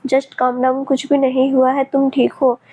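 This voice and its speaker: A woman voicing a teasing, protective young man in a storybook reading, her high voice flat and steady, on a tinny, phone-like recording. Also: a little slow, slightly rough.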